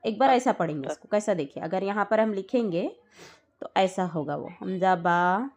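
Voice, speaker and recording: Patiently teaching Quran recitation rules, this woman speaks slowly, goes over every point again, and makes sure her student follows along. Her voice is medium in pitch, expressive, and somewhat dark in tone.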